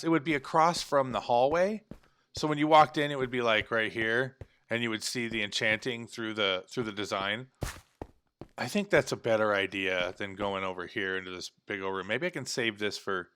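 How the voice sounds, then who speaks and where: A man's voice: medium pitch, fairly bright tone. A man hosting a gaming channel, chatting casually as he builds and thinks aloud, trailing off and humming to himself. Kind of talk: casual gameplay commentary.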